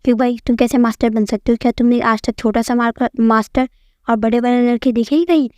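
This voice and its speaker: A woman's voice: on the high side, fairly even intonation, a little mellow, dry recording, lightly acted. Woman voicing Motu, a bossy bully boy. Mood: bossy scolding. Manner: scolding, domineering. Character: bossy quarrelsome magic boy, rough-tempered.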